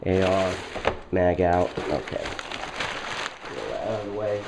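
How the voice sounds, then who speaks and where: With lively intonation in a low register, a congested man hosts a casual unboxing video, his voice nasal from a cold. He pauses often, using fillers and clearing his throat, against some background noise.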